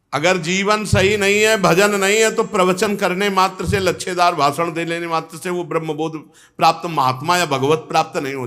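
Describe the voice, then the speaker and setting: A man giving a devotional discourse, telling a scripture story with sudden rises and drops in pitch. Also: a bit bright. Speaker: spiritual preacher.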